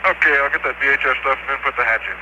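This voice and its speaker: An astronaut giving clipped, matter-of-fact procedural callouts over a breaking-up air-to-ground space radio link. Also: male voice, medium pitch, rapid-fire, bright, forceful tone, highs cut off, slight background noise. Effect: breaking-up space radio transmission.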